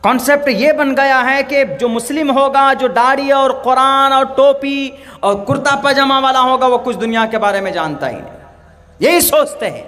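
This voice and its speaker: A man from India preaching a religious talk, telling stories with acted dialogue and speaking slow, deliberate English phrases. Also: very high-pitched, pushed and bright, long reverb tail. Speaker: Islamic preacher. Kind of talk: public religious speech.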